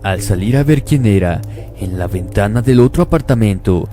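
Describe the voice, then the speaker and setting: A man with a warm, dark voice narrates a first-person horror story. He speaks slowly and calmly at a lowish pitch, with faint music in the background.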